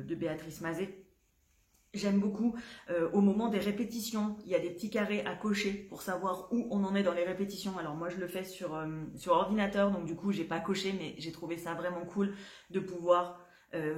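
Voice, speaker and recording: A woman hosting a knitting podcast, talking casually to the viewer with many fillers and small laughs. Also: lowish voice. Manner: chatty, many fillers and restarts, laughs easily. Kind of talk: casual chat to camera. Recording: roomy echo.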